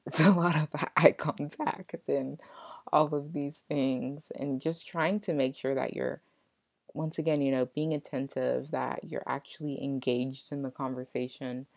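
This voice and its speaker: Brief: young woman, very low and gravelly voice, dry close mic, chatty and rambling. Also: a little mellow, no echo. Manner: chatty, lots of fillers and restarts. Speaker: law student. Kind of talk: casual chat.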